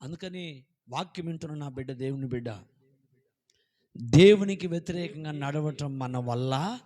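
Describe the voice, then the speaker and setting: A man pastor preaching a sermon in church, swinging from shouted, fervent peaks down to quiet, hushed lows. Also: moderate pace.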